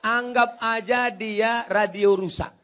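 A man preaching a humorous sermon, firing off rhetorical questions and building to shouts. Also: sits high, fairly even intonation, takes it slowly, slight background noise. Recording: dull lo-fi sermon recording.

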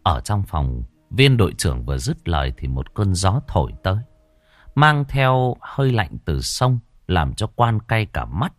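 A man narrating a scripted horror story in a dramatic, dark storytelling manner. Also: low voice, big pitch swings, measured pace, soft background music.

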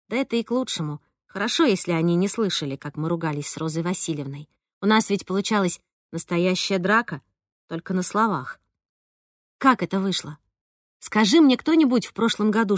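A woman narrating a first-person audiobook in an expressive storytelling manner, recorded close on a studio mic. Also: fairly low pitch, dry recording.

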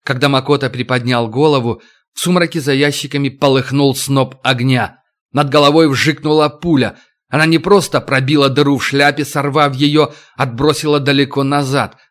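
A man's voice: medium pitch, steady tone, normal speed, fairly bright tone. Man narrating an audiobook. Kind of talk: scripted narration.

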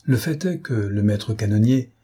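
A man narrating a classic novel in a measured, expressive way. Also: fairly low pitch, breathy edge. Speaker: audiobook reader.

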